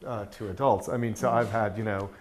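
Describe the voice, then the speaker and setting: A man's voice: fairly low pitch, fairly even intonation, brisk. A man, an author, telling wry anecdotes on stage in a panel conversation, with many fillers. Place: stage before a live audience.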